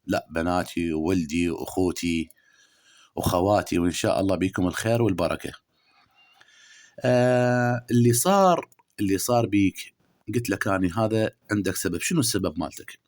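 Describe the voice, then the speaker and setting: A man with an Iraqi Arabic accent giving a spiritual horoscope reading to the listener in a preachy, scolding way, jumping between loud emphatic bursts and low murmurs. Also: a little fast. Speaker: spiritual astrology reader. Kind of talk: direct-address horoscope reading.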